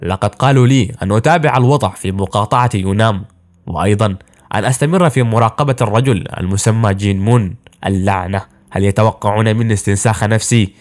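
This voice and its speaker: A man's voice: on the low side, fast, a little mellow, lightly acted. A man voicing a resentful, overworked male spy who grumbles about his masters in a cartoon story.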